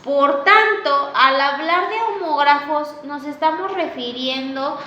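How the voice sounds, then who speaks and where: A woman teacher giving a class, talking slowly and deliberately, drawing out example words and asking "ok?" again and again to check that students follow. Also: high voice, bright, forceful tone, echoey room, muffled recording, a little hiss or hum. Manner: slow and deliberate, checks understanding with a frequent questioning "¿ok?". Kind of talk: online class lecture.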